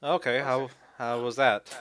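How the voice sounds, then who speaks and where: A man's voice: medium pitch, little pitch movement, a little slow, fairly bright tone. A man hosting a casual podcast chat, laughing often and swearing casually. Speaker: podcast host.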